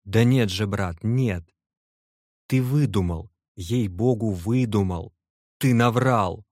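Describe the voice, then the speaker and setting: A man voicing an excitable, emotional young man with a loud, exclamatory way of talking, in an audiobook reading. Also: fairly low pitch, a little slow, no room sound, clean studio sound. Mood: astonished, excited.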